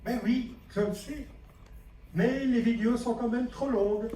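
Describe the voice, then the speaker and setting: Speaking a little slowly in an extremely high yet warm, steady voice, a Belgian man lectures teachers at a conference. He's chatty and self-mocking, often turning questions to the audience. The sound comes from a distant mic in an echoey hall with faint noise.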